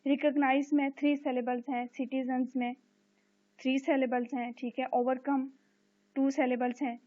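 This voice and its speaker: In a lecture recording that sounds thin and tinny like a phone line, a Pakistani woman teacher goes through an exercise. Her voice is fairly high and mellow with a level tone as she slowly reads each English sentence, repeatedly saying "okay" while explaining.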